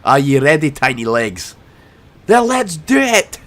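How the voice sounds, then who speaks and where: Man faking a Scottish accent, rowdy excitable guy, shouty, high-pitched, lively swings. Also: unhurried. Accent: put-on Scottish. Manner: loud, shouty encouragement.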